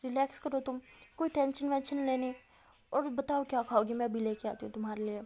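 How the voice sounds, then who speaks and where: A woman voicing a gentle, caring young woman who coaxes and soothes her friend. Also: high voice, little pitch movement. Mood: soothing. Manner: soothing, coaxing.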